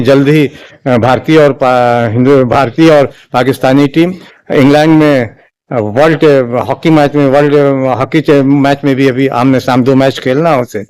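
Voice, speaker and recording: Halting Hindi-speaking male commentator, dry sound. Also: mid-range voice, a little mellow, dry recording. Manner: measured, halting, many restarts and fillers. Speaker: political commentator. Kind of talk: spoken opinion commentary.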